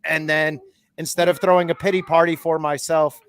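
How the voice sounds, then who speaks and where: A man in his thirties, a podcast guest, telling his story in a candid, measured way with many fillers. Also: fairly high pitch, flat delivery, fairly bright tone, slight background noise. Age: 30s. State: holding a baby on his lap. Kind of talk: casual chat.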